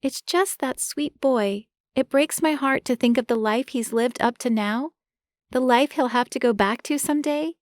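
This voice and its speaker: A woman narrator voicing a caring young woman who fusses over an injury with brisk, bossy concern. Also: on the high side, expressive, dry recording, clean studio sound, pitched above the performer's own voice, close to an everyday voice. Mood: tender. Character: caring young woman, fussing, tender-hearted.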